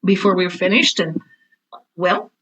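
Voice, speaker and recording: Here the interview guest speaks at a moderate pace, her fairly low voice a bit bright with a breathy edge. She's a middle-aged or older woman who teaches theater and writes books, casually recounting her own stories with candor, emphasis and repeated phrases. The audio quality is low.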